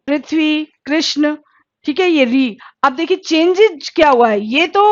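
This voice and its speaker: A woman teaching a Hindi exam-prep lesson, asking questions and then answering them herself, and sounding out each vowel slowly. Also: high voice, highs cut off. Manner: slow, careful pronunciation drills.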